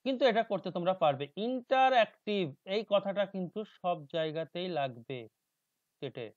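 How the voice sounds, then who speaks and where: Bengali-accented male teacher with slow, muttering explanations. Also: expressive, no room sound. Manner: explains slowly, reads English options aloud slowly, drops to low mutters. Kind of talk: exam-prep lecture. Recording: dull dry lo-fi recording.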